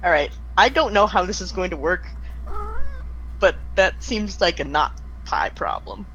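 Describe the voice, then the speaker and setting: A man with a fairly high, animated voice chats casually as a player in a tabletop game. It sounds like a group voice chat, with slight noise behind him on the mic. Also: unhurried, muffled recording. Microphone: push-to-talk voice chat mic. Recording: noisy remote voice-chat microphone.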